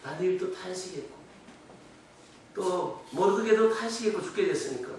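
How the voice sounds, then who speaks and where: A man with a high, bright preaching voice delivers a revival sermon from a distance in a very echoey church. He moves between hushed pleading and loud, emphatic outbursts. Faint room noise sits behind him. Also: animated, moderate pace. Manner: impassioned preaching, swings from soft to loud shouting, acts out scolding parents. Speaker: pastor. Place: church sanctuary.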